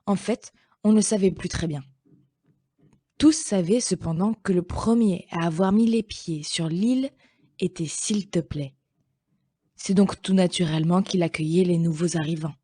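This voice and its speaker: Storyteller: a woman reading a children's tale slowly and gently, husky and mellow. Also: on the low side, no room sound, clean studio sound.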